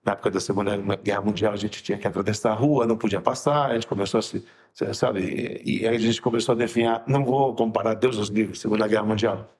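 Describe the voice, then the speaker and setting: A man, a rabbi co-hosting a podcast, telling stories in a lively way and acting out the dialogue with sudden high shouts. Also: quick pace. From Brazil. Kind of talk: casual podcast chat.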